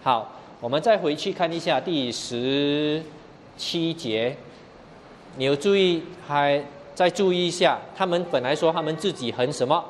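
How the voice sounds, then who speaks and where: A man's voice: on the high side, a little slow, a little hiss or hum. A man preaching a sermon, explaining scripture verse by verse and often asking the listeners rhetorical questions. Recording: long hall reverb, faint ambience.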